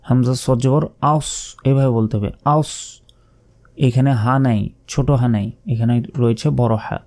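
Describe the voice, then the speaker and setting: Mellow-voiced teacher. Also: male voice, medium pitch, steady tone. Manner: slow, letter-by-letter drilling and correcting common mistakes. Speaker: Quran recitation teacher. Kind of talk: spelled-out Quran pronunciation lesson.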